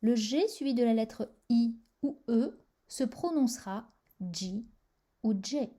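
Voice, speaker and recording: Woman doing a slow careful pronunciation lesson, kinda high voice. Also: lively intonation, mellow. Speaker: language teacher. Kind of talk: scripted language lesson.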